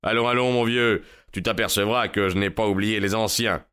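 A man voicing a wealthy older country gentleman in an audiobook, speaking with a falsely hearty manner. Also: on the low side, fairly even intonation, normal speed, smooth, dry recording, clean studio sound, natural voice.

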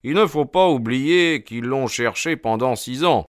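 A man reading the lines of a calm, firm male detective in an audiobook. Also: mid-range voice, unhurried, no echo, clean studio sound, voice pushed up, natural voice.

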